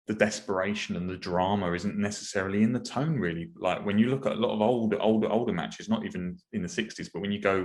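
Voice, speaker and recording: A man co-hosting a football podcast, talking in a thoughtful, hedging way. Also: on the low side. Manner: thoughtful, hedging, laughs easily. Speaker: podcast co-host. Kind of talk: casual podcast chat.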